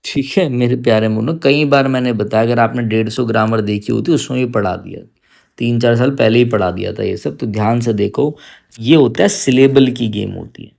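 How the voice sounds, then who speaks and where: A man teaching an exam-prep grammar lesson in a gravelly, mellow voice. He coaxes and teases his students as he explains. He stretches out each English example slowly so they can follow. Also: medium pitch.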